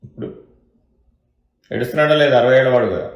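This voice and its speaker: A man's voice: medium pitch, expressive, quick pace. A man giving a question-and-answer spiritual discourse as a teacher, keeping his listeners engaged with rhetorical questions. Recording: echoey room.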